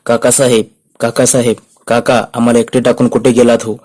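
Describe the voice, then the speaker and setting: A man reading the cries of a wounded young warrior chief who calls out for his lost uncle, in an even, flat voice. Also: mid-range voice, a little fast, slightly rough, no room sound, studio quality, natural voice. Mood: anguished. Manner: pleading, weak cries.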